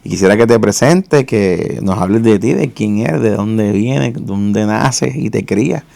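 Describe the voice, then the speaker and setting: Gravelly, low-voiced man hosting a faith show. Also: a little mellow, no room sound. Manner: fervent religious greetings, measured questions. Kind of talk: faith interview.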